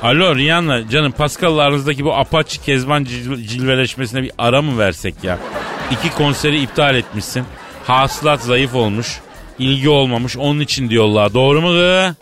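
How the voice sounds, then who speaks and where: Over music, a man with a medium-pitched, brisk voice hosts a comedy radio show. He jokes and teases his co-host, staging a fake phone call and mimicking the other end of the line.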